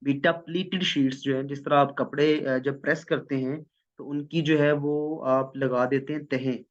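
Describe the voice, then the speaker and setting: A man's voice: medium pitch, fairly even intonation, moderate pace. A man teaching biochemistry in a step-by-step classroom lecture, often checking in with his students. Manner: explains step by step, often checks in with "theek hai". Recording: dull lo-fi recording.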